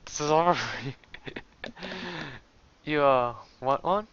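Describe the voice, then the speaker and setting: A man's voice: fairly high pitch, drawn-out words, fairly bright tone, clean tone, no room sound, pitched above the performer's own voice. A man voicing a cheerful young woman with a sweet tooth, reading game dialogue aloud in a raised, eager voice. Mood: bubbly. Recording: slightly muffled lo-fi sound.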